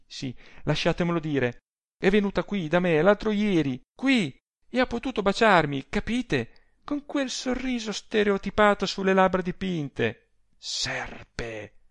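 A man voicing an agitated society woman who pleads and exclaims in a raised voice, in an audiobook reading. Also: mid-range voice. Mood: vehement. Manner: emotional, imploring, exclamatory.

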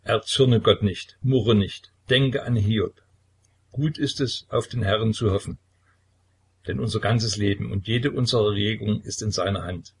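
A man voicing a pious older aunt of the royal family who urges and consoles with earnest firmness, in a husky voice. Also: lowish voice, unhurried. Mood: devout.

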